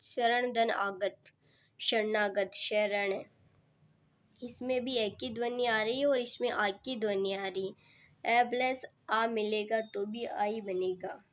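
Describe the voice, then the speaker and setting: A woman's voice: steady tone, slow pace. A woman teaching a grammar lesson for exam preparation, explaining each step patiently and repeating herself. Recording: muffled low-fidelity recording.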